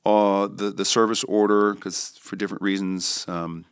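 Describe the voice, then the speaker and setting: A man, a worship pastor, talking in a relaxed podcast conversation, thinking aloud with frequent restarts and fillers. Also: on the low side, moderate pace, clear, resonant tone. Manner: thoughtful, rambling with restarts and fillers.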